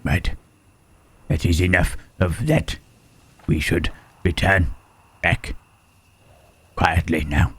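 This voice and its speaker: Man voicing Frankenstein's Monster, very husky and deep. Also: fairly even intonation, full character voice. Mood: grave, quiet. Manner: slow, halting, solemn, formal phrasing. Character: Frankenstein's monster, gentle, brooding, melancholy creature. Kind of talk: ASMR roleplay acting.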